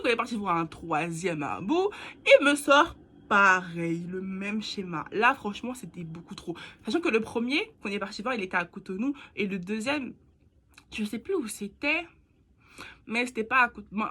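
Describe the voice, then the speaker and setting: A young woman telling a personal story in a casual, slangy, animated way, dropping to a hushed voice for asides. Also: moderate pace, breathy edge. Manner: chatty, animated, slangy, with bursts of squeaky laughter and hushed asides. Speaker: vlogger.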